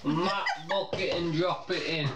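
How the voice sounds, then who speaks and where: A man's voice: a little high, steady tone, measured pace. A man bantering casually while taking part in a challenge, recorded indoors at home. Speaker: challenge participant. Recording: echoey room with clear noise.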